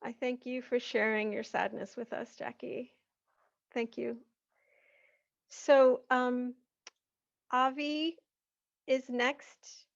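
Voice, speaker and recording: A woman with a high, slightly gravelly voice calmly moderates an online memorial, gently handing the floor to each speaker. The call audio sounds dull and lo-fi. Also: takes it slowly, long pauses. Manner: calm, gently guiding speakers. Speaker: memorial facilitator. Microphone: video call.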